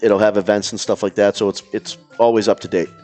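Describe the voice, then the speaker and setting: A man with a Boston accent co-hosting a podcast, talking in a loose, relaxed way. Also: lowish voice, fast talker, faint music behind. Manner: relaxed, loose talk with fillers. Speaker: podcast co-host. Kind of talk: casual chat.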